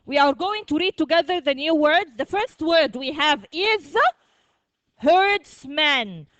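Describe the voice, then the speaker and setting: A woman teaching a primary school vocabulary lesson, repeating words slowly, drilling the class and checking with "okay?" after each point. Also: high-pitched, animated, fairly bright tone, no room sound.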